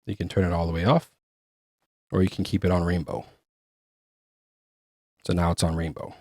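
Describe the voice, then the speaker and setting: A man's voice: sits low, level tone, moderate pace, a little mellow, dry recording, clean studio sound. A man hosting a casual product review, chatty and explaining features step by step. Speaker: gear reviewer and host.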